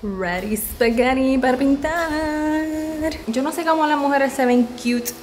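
A woman in her thirties vlogging casually, chatty and excitable, mixing Spanish and English. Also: high-pitched, slow pace, a little hiss or hum, low-quality recording. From Puerto Rico. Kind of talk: casual vlog chat. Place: indoors, restaurant under renovation and home office. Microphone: handheld camera. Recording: music under voice.

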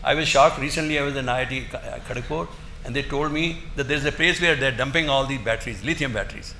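An older man giving an academic lecture in a halting, emphatic way, often repeating his words. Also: medium pitch, vocal fry, bright, forceful tone. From India. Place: indoor lecture room, seated at a desk. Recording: roomy echo, faint background noise.

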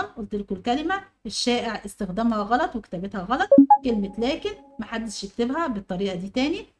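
A young Egyptian woman leads an online grammar lesson at a fast clip. Her voice sits a little high. She asks her pupils questions and answers them as she goes. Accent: Egyptian Arabic. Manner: explains step by step, quizzing pupils. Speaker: teacher.

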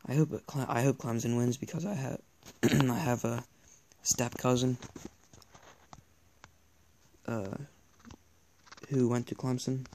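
A man's voice: mid-range voice, vocal fry, dark tone, slight background noise. A teenage boy chatting casually over his own football gameplay, rambling and cheering plays on. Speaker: gaming YouTuber.

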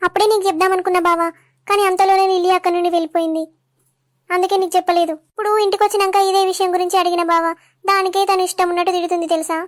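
Woman doing a shrill, sulky young wife. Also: little pitch movement, very fast, dry recording, studio quality. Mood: hurt, complaining. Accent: Telangana Telugu. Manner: whiny, complaining, pleading. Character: sulky weepy young wife, easily hurt.

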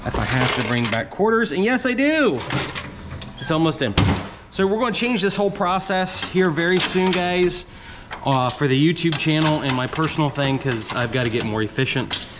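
A laundromat owner filming a vlog narrates offhandedly while collecting money in his small indoor laundromat, keeping up a running commentary for viewers. His voice is a little high and expressive at a normal speed, captured by a head- or chest-mounted action camera with noisy audio and clicks.

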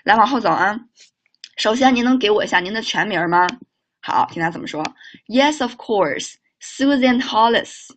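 A woman in the middle of a live online speaking lesson, sounding out short phrases slowly and deliberately for the class to repeat. Between drills she speeds up into brisk, chatty remarks and firmly reins in students who keep asking the same thing. Her voice sits at an ordinary middle pitch. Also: fairly bright tone. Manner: slow drilled model phrases, quick chatty asides; firm with students, mildly scolding. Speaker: English teacher.

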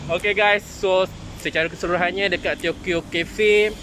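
A man's voice: high voice, steady tone, moderate pace, background noise. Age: unknown. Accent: Malaysian. Sex: man. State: talking through a face mask. Style: chatty food vlog, mixing in English phrases. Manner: offers cheerful blessings and thanks. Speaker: food vlogger. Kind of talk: casual food review vlog. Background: loud background music.

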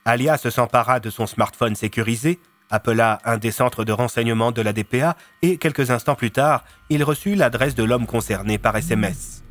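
A man's voice: mid-range voice, normal speed, a bit bright, no echo. Male audiobook narrator over faint music. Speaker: narrator and voice of all characters.

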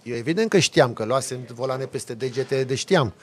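A man, a podcast guest, telling a lively story in a casual chat with vivid sound effects. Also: medium pitch. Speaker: podcast guest, off-road driver.

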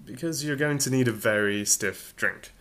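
A man's voice: mid-range voice, moderate pace, a bit bright, close to an everyday voice. A man reading a storybook voices an urgent, distracted alien friend, talking in clipped, insistent lines.

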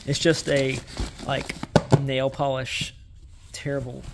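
Vlogging inside an indoor self-storage unit, a man thinks aloud as he sorts through items, using lots of fillers and restarts. His medium-pitched voice is level and slow, and the recording is very noisy.

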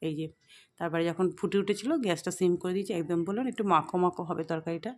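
A woman narrating a home cooking vlog as a voice-over, speaking softly and slowly, tired and weak, with chatty asides to her viewers. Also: fairly low pitch. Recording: echoey room, faint background noise.

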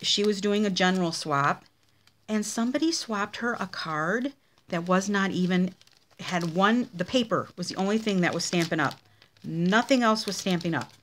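A woman's voice: medium pitch, animated, normal speed, a little hiss or hum. A woman casually showing handmade cards in a craft vlog, chatty and gushing over each one. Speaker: craft demonstrator showing card swaps.

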